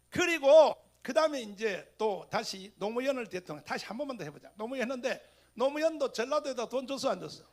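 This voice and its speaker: High-pitched gravelly man rallying a crowd. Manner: rhetorical questions to the crowd, sudden loud bursts. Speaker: speaker addressing a political rally. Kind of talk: fiery political rally speech with religious exclamations.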